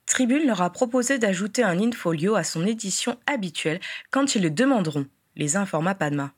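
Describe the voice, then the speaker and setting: A woman narrating a fan fiction story aloud in an even, steady reading voice. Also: mid-range voice, a little fast, husky, dry recording, studio quality. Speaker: reader.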